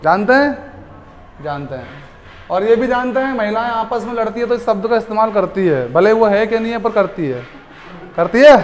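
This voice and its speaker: Male teacher, very high pitch, lively classroom lecture with constant questions to the class, long reverb. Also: slight background noise. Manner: lively, asks the class questions and answers them himself.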